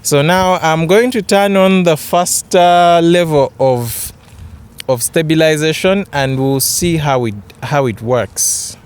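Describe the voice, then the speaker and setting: Slow-talking young Ugandan man vlogging. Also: on the high side, a little hiss or hum. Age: young adult. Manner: hesitant, repeats words. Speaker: photography vlogger. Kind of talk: casual camera review vlog. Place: open grassy yard outdoors.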